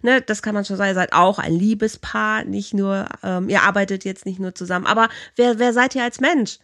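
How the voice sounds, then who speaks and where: A woman hosting a podcast, chatty and quick to laugh. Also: mid-range voice, steady tone, fairly bright tone. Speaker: podcast host. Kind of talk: casual interview talk.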